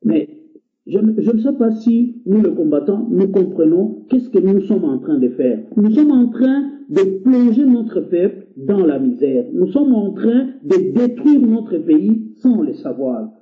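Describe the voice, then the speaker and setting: A man's high-sitting, very animated voice comes through slightly slowly on a phone-like internet line. Originally from the Democratic Republic of the Congo and a native speaker of Lingala or another Congolese language, not French, he appears as a call-in guest. He fervently exhorts the audience, hesitating often.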